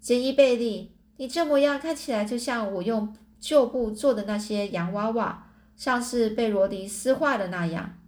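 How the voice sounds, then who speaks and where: A woman's voice: a little high, moderate pace, darkish tone, natural voice. A woman voicing a nosy little farm girl who teases her brother in a storybook reading. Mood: teasing. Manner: teasing, nosy.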